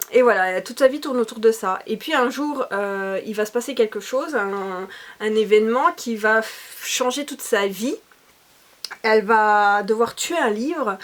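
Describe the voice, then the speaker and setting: A woman talking casually and enthusiastically about books she has read, chatty with many hesitations. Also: mid-range voice. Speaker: book reviewer.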